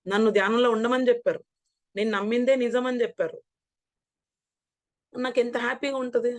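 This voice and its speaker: A woman's voice: a little high, fairly even intonation, moderate pace, a little mellow, no echo. A woman from Hyderabad, a meditation practitioner, earnestly telling a personal story in casual testimony. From Hyderabad, India. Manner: earnest storytelling, voicing others in quotes. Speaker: meditation practitioner sharing experience.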